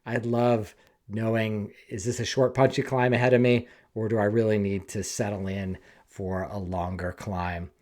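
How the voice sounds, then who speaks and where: A man hosting a podcast, chatting in a relaxed, friendly and curious way with his guest. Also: lowish voice, normal speed. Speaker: podcast host. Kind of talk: casual podcast interview and read ad.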